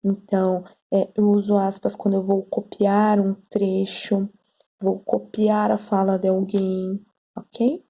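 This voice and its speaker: With a warm, medium-pitched but monotone voice, a woman teacher leads a patient online writing lesson. She explains slowly and keeps checking in with students, using "tá?" and "né?" a lot.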